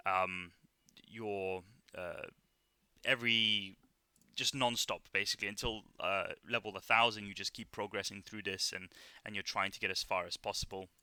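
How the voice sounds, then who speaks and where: A man's voice: lowish voice, steady tone, moderate pace, bright, forceful tone, clear, resonant tone, no room sound. A man casually talking through a mobile game overview, rambling with many fillers and restarts. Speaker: gaming YouTuber.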